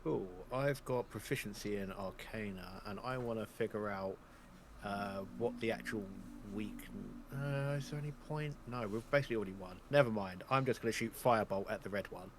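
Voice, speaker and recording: A man's voice: fairly low pitch, normal speed, noisy background. A man playing an online tabletop game, joking and swearing casually and trailing off into fillers. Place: online voice call.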